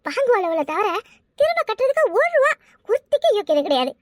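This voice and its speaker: A woman voicing a brash, quarrelsome village woman in a cartoon, talking loudly and boastfully. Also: very high-pitched, sing-song, quick pace, no room sound, studio quality. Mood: pleading. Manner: loud, boastful, argumentative. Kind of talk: cartoon voice acting.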